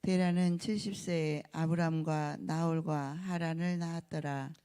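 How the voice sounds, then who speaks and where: Congregant reading scripture aloud in turn, mellow smooth voice, steady delivery. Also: mid-range voice, unhurried.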